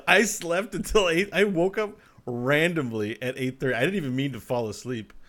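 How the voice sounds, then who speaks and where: A man's voice: on the high side, normal speed, fairly bright tone. A man co-hosting a casual podcast over a remote call, rambling and laughing often. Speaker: podcast co-host.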